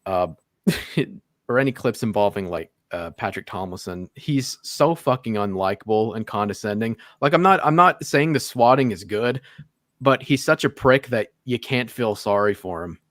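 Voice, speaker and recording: A man's voice: on the low side, animated, moderate pace, a bit bright, no echo, studio quality. A man appearing as a guest on a live stream, talking casually and at length, swearing and leaning on "like" and "you know" as he laughs. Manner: rambling and profane, with constant "like" and laughter. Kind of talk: casual conversation.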